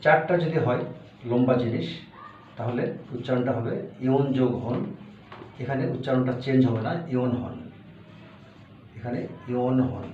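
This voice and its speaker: A man's voice: medium pitch, fairly even intonation, moderate pace, pauses often. A man teaching a language lesson, patiently repeating each word and explaining step by step. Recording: roomy, distant, dull lo-fi audio with faint hiss.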